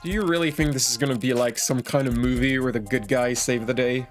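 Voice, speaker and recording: A man streaming himself through a story game, mixing read-along lines with wry, dry asides. His voice sits at an ordinary middle pitch. Faint game music runs under him. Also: steady tone, fairly quick.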